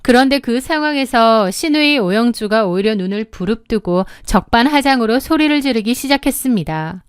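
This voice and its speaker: A woman's voice: a little high, expressive, moderate pace, hardly any pauses, clear, resonant tone, no room sound, studio quality. A woman narrating a first-person dramatic story in an indignant, vivid way.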